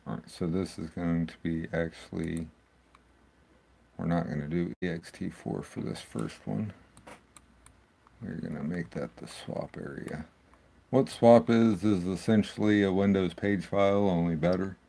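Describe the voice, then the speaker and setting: Speaking slowly in a deep, gravelly yet warm voice, a man who hosts tech videos rambles and thinks aloud while working at his computer in a casual screen-recording walkthrough.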